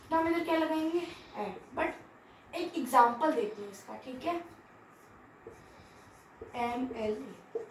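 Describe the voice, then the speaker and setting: A woman's voice: high-pitched, fairly bright tone, far from the mic, a little hiss or hum. A woman teaches grammar to a class. She asks a question, then answers it herself. She sounds set back from the microphone in an echoey room. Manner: asks rhetorical questions and answers them herself, checks in with "theek hai". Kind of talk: classroom grammar lesson mixing Hindi and English.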